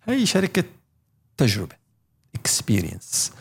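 A man's voice: medium pitch, huge pitch swings, takes it slowly, vocal fry, husky. A man chatting casually and animatedly, mixing in English words and laughing often. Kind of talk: casual chat.

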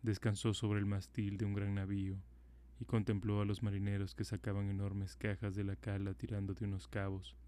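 A man narrating a fairy tale in a calm, even storybook delivery. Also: fairly low pitch, normal speed.

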